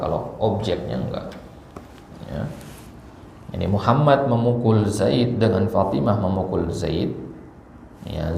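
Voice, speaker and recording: A man's voice: on the low side, creaky, a little mellow. A man teaching an Arabic grammar lesson in a mosque hall, asking the class questions and then answering them himself. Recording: roomy hall echo with faint background noise.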